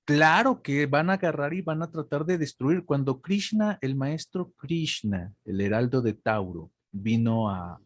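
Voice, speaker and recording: A man's voice: a little high, unhurried, hardly any pauses. A man, a teacher who talks casually and grows emphatic as he explains, calling his listeners brother and sister. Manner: emphatic, rising to animated explanation. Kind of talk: casual conversation after class.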